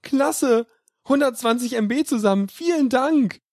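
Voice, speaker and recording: A man's voice: high-pitched, moderate pace, a little mellow, no echo, studio quality, pitched above the performer's own voice. A man reading aloud and voicing a whiny, nervous male computer user who pleads and complains. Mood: pleading. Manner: plaintive, pleading. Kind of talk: audiobook reading.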